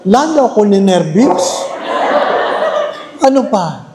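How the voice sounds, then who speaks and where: A man's voice: high-pitched, sing-song, slow, reverberant, background noise. A man, a priest, giving a humorous homily to his congregation and telling stories with jokes. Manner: joking anecdotal storytelling to a congregation. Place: church.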